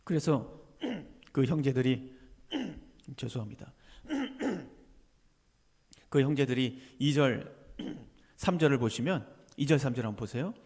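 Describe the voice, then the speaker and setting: A man's voice: medium pitch, big pitch swings, slow pace, pauses often, darkish tone, slightly rough. A male pastor giving a Sunday sermon in a conversational tone, often asking the congregation questions and imitating people's voices. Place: church sanctuary. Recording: church livestream with long hall reverb.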